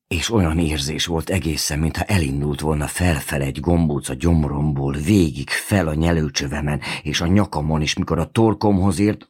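Deep gravelly guy reading a novel aloud, husky, slow and steady. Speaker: audiobook reader. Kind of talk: first-person novel narration.

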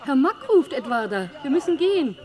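A young woman companion in a 1950s radio play. Her voice is high and lively in pitch, and she calls out in a brisk way. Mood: urging.

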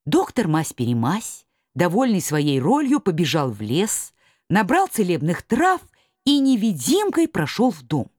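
Lively woman reading a fairy tale. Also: lowish voice, a little slow, no room sound, clean studio sound. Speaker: narrator. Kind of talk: storybook narration.

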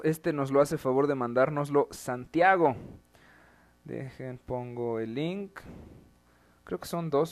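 A man with a Mexican accent hosting an online show, giving casual live commentary in a wry, exasperated tone and swearing freely. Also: mid-range voice. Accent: Mexican Spanish.

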